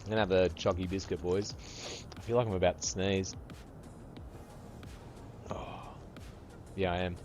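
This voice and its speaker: A man around fifty streams himself playing a game, chatting casually, swearing freely, and calling his viewers brother. His deep, slightly mellow voice has a flat delivery at a moderate pace with frequent pauses. There's faint music in the background.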